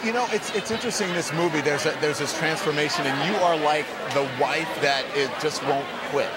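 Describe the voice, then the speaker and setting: High-voiced man hosting amid loud crowd. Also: brisk. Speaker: red carpet host and interviewer. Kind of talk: live red carpet interviewing. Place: tented red carpet. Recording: loud crowd and outdoor event noise.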